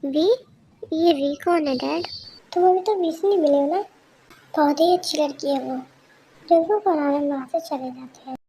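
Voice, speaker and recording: A woman reading an amateur audio story, voicing every character herself and filling pauses with little hums. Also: sits high, warm tone, slight background noise. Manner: switches quickly between character voices, lots of hums. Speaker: fan story narrator voicing all characters.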